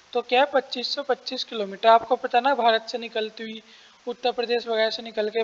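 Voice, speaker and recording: A man teaching an exam-prep lesson, explaining step by step, asking and answering his own questions and clearing his throat often. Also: very high-pitched, long reverb tail, highs cut off.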